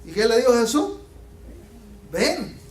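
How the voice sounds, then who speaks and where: High-voiced male pastor, echoey and distant. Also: a little slow. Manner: preaches animatedly, acting out Bible scenes. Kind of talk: sermon.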